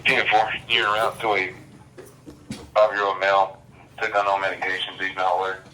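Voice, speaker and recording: Male dispatcher on a police-style radio: low, flat, bright-edged, clipped calls, heard from a distance. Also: normal speed, a little hiss or hum. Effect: dispatch radio transmission. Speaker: emergency dispatcher.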